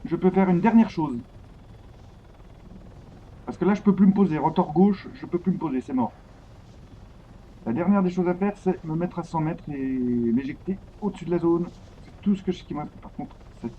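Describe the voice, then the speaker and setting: A man with a fairly high voice gives excitable live commentary on his gameplay, swearing and bantering with his viewers. The stream audio is dull and lo-fi, with faint noise underneath.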